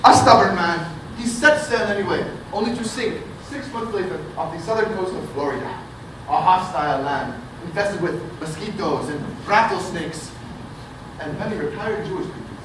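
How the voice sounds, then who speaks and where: An actor playing a flamboyant, theatrical family patriarch who tells grand stories, heard on a stage recording. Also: male voice, high-pitched, normal speed, close to an everyday voice. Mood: grandiose. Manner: grandiose, showy storyteller. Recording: echoey theatre audio from far off, noisy.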